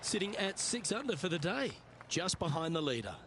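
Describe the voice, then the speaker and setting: A television golf commentator for a video game, with a fairly high male voice. He gives measured, short play-by-play calls over clearly audible outdoor background noise. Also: big pitch swings, a bit bright, heavily acted. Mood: composed, admiring.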